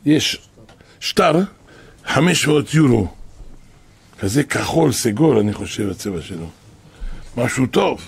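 A man's voice: medium pitch, expressive, vocal fry, pauses often, husky. A man preaching a storytelling sermon who acts out the voices of the people in his stories.

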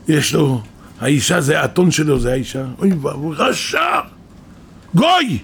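A man preaching a sermon, telling stories animatedly and breaking into sudden shouts. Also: on the high side, gravelly, slight background noise.

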